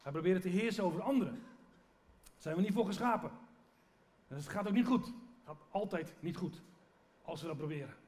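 A man's voice: high-pitched, lively intonation, fairly quick, pauses often, darkish tone. A man preaching a sermon to his church in an earnest, conversational way, often restarting his sentences. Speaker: pastor.

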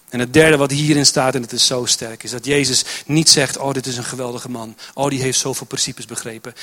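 A man's voice: mid-range voice, sharp tone, husky. Emphatic man preaching a sermon. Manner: builds to emphatic, repetitive exhortation. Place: church.

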